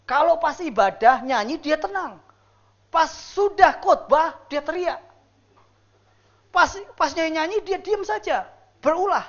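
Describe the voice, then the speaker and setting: A male pastor preaching a lively sermon to a church congregation, acting out the people he describes. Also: takes it slowly, pauses often, lo-fi sound. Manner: animated, acts out quoted people with big pitch swings. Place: church service.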